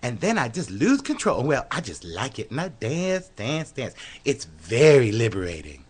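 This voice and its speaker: A man's voice: mid-range voice, wildly swooping pitch, moderate pace, breathy edge. A man playing a giddy flirty dance instructor. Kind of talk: comedy radio sketch.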